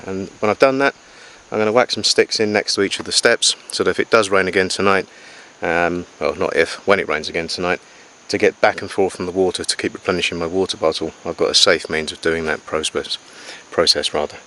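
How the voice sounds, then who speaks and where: Male outdoor jungle vlogger, lowish pitch, matter-of-fact and unscripted, talking to camera over faint cricket and insect ambience. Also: steady tone, a little fast, hardly any pauses, sharp tone, slight background noise. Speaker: survival diarist presenting to camera. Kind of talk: outdoor vlog, casual explaining to camera. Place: outdoors in jungle beside a river.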